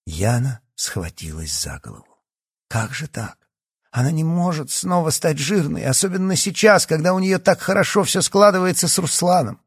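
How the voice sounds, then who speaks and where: A man reading an audiobook as the narrator, with an expressive storytelling delivery. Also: a little high, normal speed, breathy edge, dry recording, clean studio sound.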